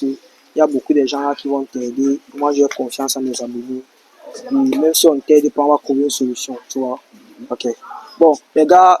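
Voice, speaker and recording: A man's voice: on the high side, darkish tone, slight background noise, low-quality recording. A man hosting an interview who talks reassuringly and addresses viewers directly. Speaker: YouTube channel host.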